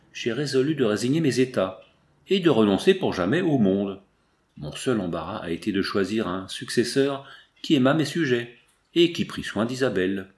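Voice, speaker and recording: A man's voice: on the low side, darkish tone, natural voice. A man reading as Manfred, a grieving proud prince. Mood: earnest. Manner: declamatory, pleading. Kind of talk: audiobook dialogue reading.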